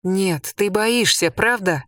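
A reader voicing a gentle, earnest young woman in an audiobook, with a soft, questioning and slow delivery. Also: mid-range voice, dry recording, studio quality. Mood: worried. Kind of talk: audiobook character voice.

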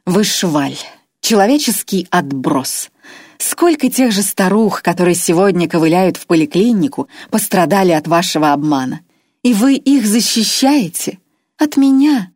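A woman voicing a furious, self-righteous middle-aged woman writer who screeches scornful accusations in a raised, husky voice. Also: fairly low pitch, moderate pace, a little mellow, no room sound, studio quality, voice pushed up, lightly acted.

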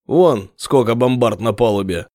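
A man's voice: medium pitch, moderate pace, a little mellow, no echo, clean studio sound, close to an everyday voice. A man doing a grim one-eyed mercenary. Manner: grim, matter-of-fact.

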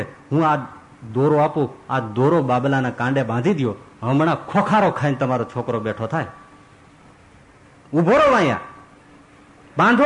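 A man's voice: on the high side, close to an everyday voice. A preacher voicing a wandering ascetic holy man who talks in a coaxing, confident way. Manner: coaxing, assured.

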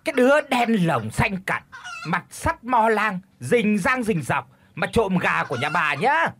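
A woman's voice: medium pitch, very animated, moderate pace, a bit bright, slight background noise. A woman voicing a foul-mouthed village wife who screeches curses at a thief, in an audio story. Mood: furious cursing.

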